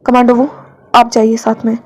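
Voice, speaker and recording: A woman voicing a calm, respectful young male teammate who speaks politely and reassuringly. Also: a little high, normal speed, no echo, studio quality, natural voice.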